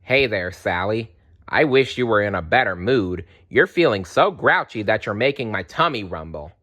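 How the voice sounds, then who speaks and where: A man voicing a little grumpy storybook bear in a gruff, grouchy manner. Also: lowish voice, lively intonation, moderate pace, a bit bright. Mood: gruff, grumbling. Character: little grumpy male bear with a rain cloud.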